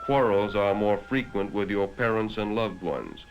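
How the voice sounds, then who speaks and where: With the highs cut off, this vintage 1960s film soundtrack carries a man's lowish voice at a measured pace, set against prominent music. He is an American reading scripted narration aimed squarely at the listener. His delivery is grave, dramatic and moralizing, typical of 1960s educational films.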